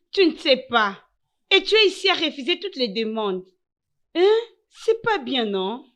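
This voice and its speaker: A woman's voice: sits high, sing-song, unhurried, fairly bright tone, full character voice. An actress playing a nosy, meddling young woman who pries and lectures her friend. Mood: prying. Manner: prying, lecturing. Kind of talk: dubbed film acting.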